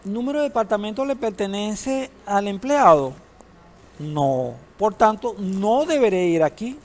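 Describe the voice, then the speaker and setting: A man's voice: high-pitched, lively intonation, measured pace. A man teaching a database class, lecturing in a classroom, asking students questions and joking now and then. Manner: asks the class questions, uses humor.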